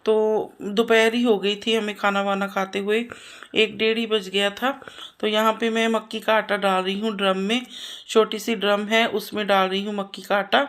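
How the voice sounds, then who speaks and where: A woman's voice: mid-range voice, little pitch movement, normal speed, fairly bright tone. A woman in her thirties, a mother narrating her household chores in a homely, chatty voice-over, repeating herself often. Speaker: vlogger and mother.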